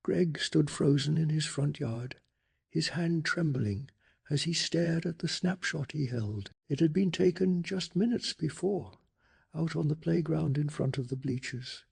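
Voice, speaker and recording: Softly, in a calm, hushed ASMR style, a man narrates a bedtime story with deliberate drama. His voice sits on the high side and sounds soft and breathy.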